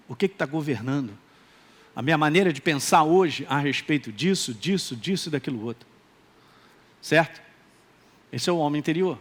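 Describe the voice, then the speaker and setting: A man preaching a sermon as a pastor, with a Minas Gerais Brazilian accent, animated and joking, calling out for responses from the congregation. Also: fairly high pitch. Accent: Minas Gerais Brazilian Portuguese.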